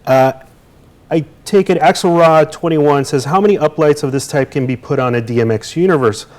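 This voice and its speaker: A man's voice: fairly high pitch, fairly quick, a little mellow. A man from the United States, a DJ, co-hosting a casual product demo and restating points as he goes. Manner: chatty, asks and restates points. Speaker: co-host, DJ.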